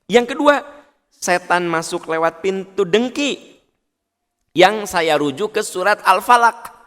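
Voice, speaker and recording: A middle-aged man with a Sundanese accent preaching a mosque sermon in an animated way, slipping into high voices for quoted family members. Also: slow pace. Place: large mosque hall. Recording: long hall reverb.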